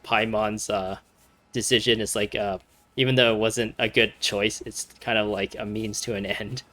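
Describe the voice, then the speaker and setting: A woman giving casual, chatty commentary over a game playthrough, full of fillers and loud reactions. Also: a bass voice, fairly even intonation, normal speed, soft background music. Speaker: gameplay commentator.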